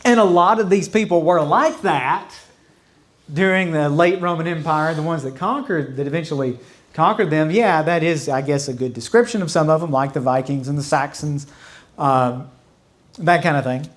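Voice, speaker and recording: A fairly high-voiced man teaching a church Bible study as its pastor. He talks in a loose, conversational way, circling back to repeat his points and adding asides. At times he drops into babbling imitations that fade away. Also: normal speed. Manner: conversational, explains with repetition and asides; mimics mocking babble with fading repeats.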